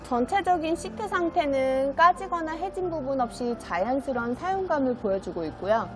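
Woman, used car dealer, high voice, animated intonation, polished promotional sales narration, polite. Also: normal speed, music in the background.

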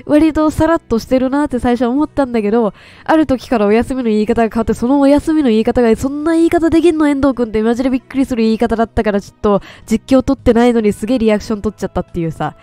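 A woman streamer doing loud, excitable let's play commentary into a close mic. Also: on the high side, very fast, no echo. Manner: excitable, loud, laughs often. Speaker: game streamer.

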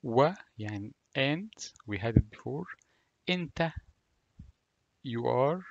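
A man with an Egyptian Arabic accent, a native Arabic speaker, giving a language lesson in a deliberate, word-by-word manner. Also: medium pitch, expressive, creaky, dry recording, lo-fi sound. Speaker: language teacher. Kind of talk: language lesson, slow explanation with repeated phrases.

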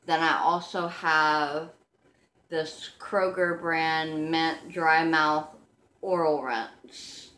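A woman in her thirties speaking without teeth, with soft slurred articulation, chatting casually and a little self-consciously to her camera. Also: low voice, steady tone, extremely slow. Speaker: vlogger. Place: living room, seated on a couch indoors. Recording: roomy, echoing home recording.

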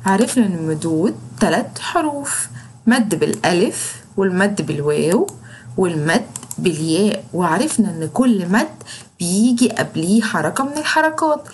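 A young woman teacher with an Egyptian Arabic accent, giving an online lesson to young children and slowly drawing out the sounds of letters and words. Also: lowish voice, darkish tone, slight background noise. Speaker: kindergarten teacher.

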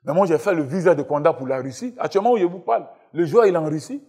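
Male, 35, from Burkina Faso, TV studio guest with a husky, slightly high voice, emphatic and repetitive. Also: fast talker, mellow. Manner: emphatic, insistent, repeats himself. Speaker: guest footballer. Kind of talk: talk show guest interview. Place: television studio with live audience.

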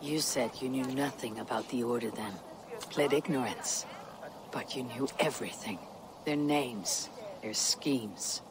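Eivor, husky stoic Viking warrior. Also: female voice, extremely low pitch, measured pace, background noise. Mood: wry, probing. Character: stoic, proud female Viking warrior, wry and probing. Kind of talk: video game cutscene acting. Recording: music behind the voice.

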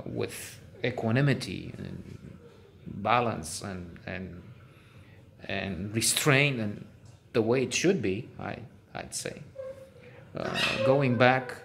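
A man's voice: fairly low pitch, sing-song, takes it slowly, vocal fry, a little hiss or hum. A man giving a casual spoken film review, hesitant, with many fillers and restarts, now and then getting worked up.

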